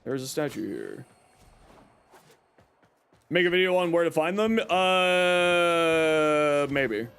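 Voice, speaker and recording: A game livestreamer gives casual live commentary and answers chat, his voice tired, flat, and worn out. He's sleepy and burned-out, taking it slowly with frequent pauses. Video game audio is clearly audible in the background.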